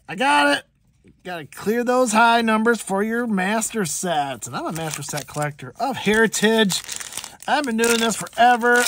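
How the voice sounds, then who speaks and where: Recorded with no echo, a high-pitched, slightly bright-voiced channel host talks casually while opening card packs, rambling on and using plenty of fillers.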